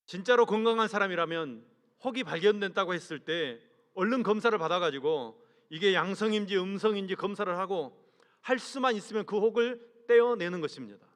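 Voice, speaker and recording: In a large church sanctuary full of long reverb, a senior pastor preaches earnestly with lively, slightly bright intonation. He remains measured, raising rhetorical questions to the congregation and letting sentence ends fall low.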